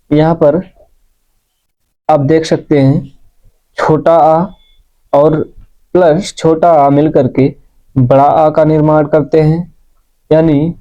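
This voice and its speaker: Slow, deep-toned male grammar teacher. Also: mellow. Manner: slow, deliberate, repeats points for students. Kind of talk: classroom lesson. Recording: dull lo-fi sound.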